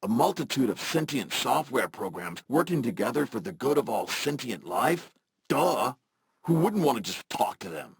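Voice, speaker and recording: A man's voice: medium pitch, sing-song, normal speed, slightly rough, no room sound, exaggerated voice. A man voicing a laid-back, friendly male robot in a video game, with a robotic filter on his voice and a casual, slangy way of talking. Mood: mellow.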